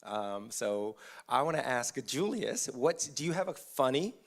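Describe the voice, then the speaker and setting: A man's voice: medium pitch, very animated, a little slow, vocal fry. A man moderating a panel conversation, asking open questions in a conversational way.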